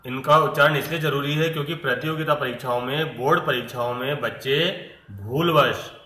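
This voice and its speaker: A man's voice: medium pitch, sharp tone, echoey room, rough recording. A man teaching pronunciation, asking rhetorical questions and answering them while stretching words out. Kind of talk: slow, deliberate Hindi pronunciation lesson.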